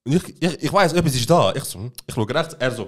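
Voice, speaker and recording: A man's voice: mid-range voice, quick pace. A young man with a Swiss German accent, co-hosting a casual podcast chat and telling stories with lots of laughter and slang. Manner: laughing, animated storytelling with slang. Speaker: podcast co-host.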